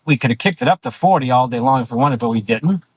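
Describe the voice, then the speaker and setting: A self-assured man giving opinions bluntly as an interview guest, often checking his points with a quick tag question. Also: mid-range voice, expressive, slightly rough, dry recording, poor audio. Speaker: interview guest, boat owner.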